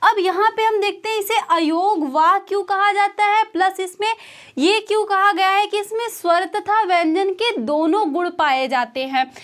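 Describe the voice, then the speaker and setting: High-voiced woman teaching Hindi grammar. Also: moderate pace, fairly bright tone. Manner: explains step by step, asks and answers her own questions.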